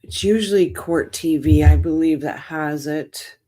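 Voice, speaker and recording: A woman's voice: low voice, unhurried, mellow. A woman hosting a casual livestream, greeting chat viewers by name with a tired morning voice. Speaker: livestream host.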